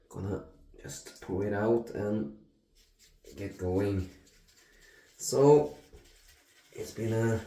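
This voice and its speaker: Slow, easygoing man in an echoey room. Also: mid-range voice. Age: 30s. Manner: relaxed, slow, with many fillers and restarts. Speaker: shaving video host. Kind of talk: casual talk-through vlog.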